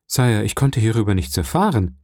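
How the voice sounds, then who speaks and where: A man's voice: on the low side, animated, normal speed, darkish tone, no room sound, clean studio sound. A man doing a distraught police minister. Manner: anxious, apologetic.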